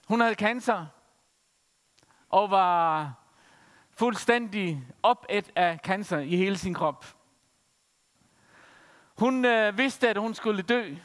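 A man preaching a sermon, telling a story with frequent hesitant pauses. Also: sits high, a bit bright, clean tone. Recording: reverberant hall.

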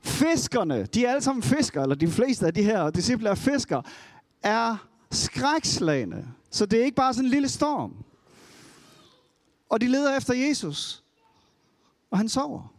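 A man with a fairly high voice preaches a sermon in a relaxed, conversational way. He slips into animated storytelling when he retells a Bible story. The recording is dry and close, with no room sound. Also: no echo.

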